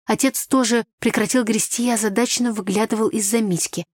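A woman reading a first-person young-adult novel aloud, lively and acting out the dialogue. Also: fairly high pitch, brisk, husky, no room sound, clean studio sound. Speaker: audiobook narrator.

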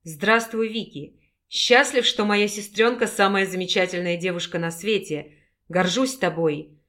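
A woman's voice: a little slow, fairly bright tone, close to an everyday voice. A woman voicing a growling male wolf alpha. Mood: tender. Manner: growling, low and possessive. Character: gruff commanding male wolf-pack alpha. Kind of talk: audiobook character reading.

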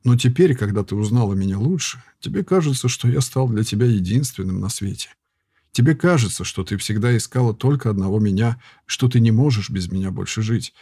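A man reading an audiobook voices a weary former warrior turned herbalist, talking softly and patiently with frequent sighs. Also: fairly low pitch, lively intonation, fairly quick, husky, no echo, clean studio sound. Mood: reasoning. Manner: soft, patient, sighing.

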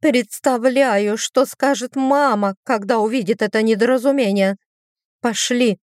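Woman putting on a shrill, haughty demon sister. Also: measured pace, darkish tone, no room sound, clean studio sound, natural voice. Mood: indignant. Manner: indignant, squealing exclamations.

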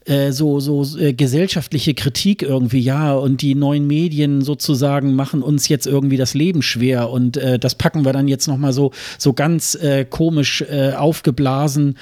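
A man co-hosting a chat podcast, talking in a hesitant way with lots of fillers and restarts. His voice sits at a middle pitch and sounds dry and close, with no room around it. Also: steady tone, moderate pace, hardly any pauses, a little mellow, dry recording. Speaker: podcast co-host. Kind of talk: casual chat.

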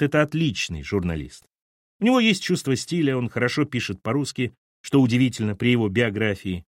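A man voicing a sharp, businesslike middle-aged woman who answers curtly in an audiobook. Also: mid-range voice, no room sound, studio quality, voice pushed up, natural voice. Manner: curt and clipped.

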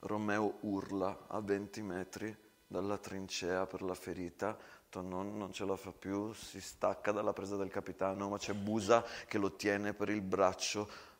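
A male actor narrating a war story as a theatrical monologue, in a hushed, slow, grave voice. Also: low voice, monotone.

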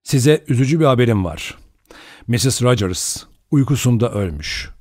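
A man as a calm, measured doctor. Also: medium pitch, no echo, natural voice. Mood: grave. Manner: measured, dry. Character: calm middle-aged male doctor, measured and dry.

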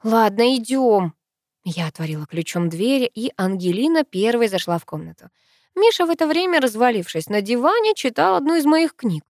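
Female audiobook reader, expressive, dry close sound. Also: on the high side, fairly quick, no echo. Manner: expressive first-person reading. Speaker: audiobook narrator. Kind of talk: scripted narration.

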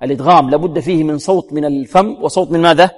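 Guy teaching quran recitation, higher voice, keeps firing questions at the class, long reverb. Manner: quizzes listeners with repeated rhetorical questions; demonstrates sounds slowly and deliberately. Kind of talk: tajweed lesson.

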